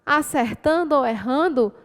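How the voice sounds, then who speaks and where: A woman's voice: high-pitched, animated, measured pace, in a large hall. A Brazilian woman teacher going through exam answers, explaining patiently and encouraging her students, often checking in with tag questions.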